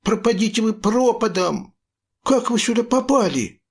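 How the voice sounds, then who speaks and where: A man's voice: high-pitched, slow pace, voice pushed up. A man voicing a frightened young boy who cries out in panic and pleads, in a storybook reading.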